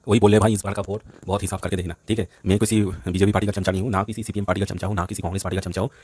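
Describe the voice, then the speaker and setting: Fast-talking agitated man. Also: low voice, little pitch movement, a little mellow, husky. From West Bengal, India. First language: Bengali. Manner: agitated, repetitive, keeps saying "bhai sahab". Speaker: vlogger. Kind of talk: heated political monologue.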